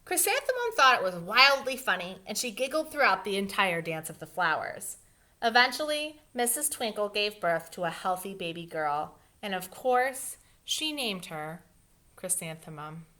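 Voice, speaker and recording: A woman teacher reading a children's storybook aloud expressively, pausing to explain things to young listeners. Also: mid-range voice, very animated, pushed and bright.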